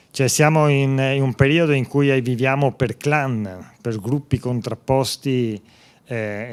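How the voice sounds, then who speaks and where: A man from Venice speaks at a book presentation, his voice sitting in a middle register. He talks earnestly and emphatically, often tossing in rhetorical questions. He restarts his sentences as he builds his points. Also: mid-range voice. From Venice area, Italy. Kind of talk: public talk at a book presentation.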